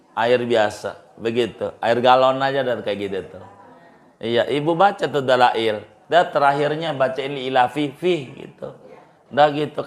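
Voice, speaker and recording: A middle-aged man, a cleric giving informal religious advice, repeating phrases for emphasis and jumping in pitch. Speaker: Islamic cleric.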